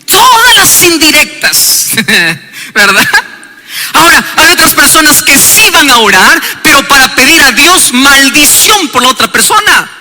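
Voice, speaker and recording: A male pastor preaching a sermon, calling for responses from the congregation and building up to shouts. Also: very high-pitched, big pitch swings, unhurried, long reverb tail.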